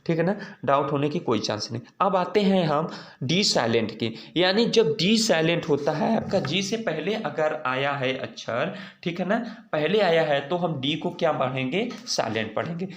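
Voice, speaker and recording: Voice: medium pitch, animated, moderate pace. A teacher giving a casual spoken lesson on silent letters in English spelling. The teacher keeps asking rhetorical questions, answers them, and checks in with viewers as friends. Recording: roomy echoey room.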